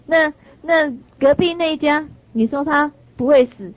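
A fretful, complaining family berates a doctor, voiced by a woman telling the story. The voice sits somewhat high. The recording is dry and a little dull. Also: unhurried, no room sound. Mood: exasperated. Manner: exasperated, complaining. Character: anxious family members scolding a doctor.

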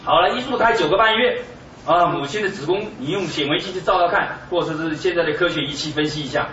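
A man's voice: a little high, fast talker, sharp tone, a little hiss or hum. A man giving a Buddhist sermon in an emphatic, exclamatory way, full of rhetorical questions to the audience. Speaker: Buddhist lecturer. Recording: echoey, distant, dull room recording.

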